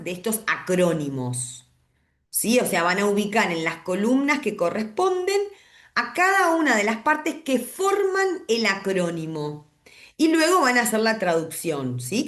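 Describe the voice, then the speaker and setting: A woman's voice: medium pitch, a bit bright, reverberant. A woman giving a recorded class, explaining step by step and checking in with frequent "¿sí?". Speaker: English teacher.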